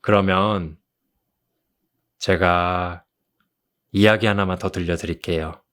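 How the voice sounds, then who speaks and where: A man doing an ASMR role-play as a kind therapist, speaking gently and consolingly like a tender romantic leading man. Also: low voice, fairly even intonation, clear, resonant tone. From South Korea. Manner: gentle, consoling, slow storytelling. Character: kind, soothing male therapist comforting a patient. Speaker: ASMR role-play performer as a counseling doctor.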